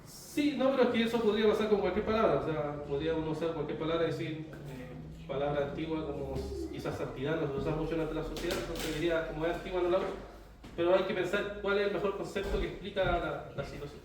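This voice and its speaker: Man teaching a church class, higher voice, checks in with listeners, recorded far off in an echoey hall. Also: fast, noisy background. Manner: explains with everyday examples, checks in with "¿ya?" and "¿cierto?". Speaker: Sunday school teacher. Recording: echoey room, mic at a distance.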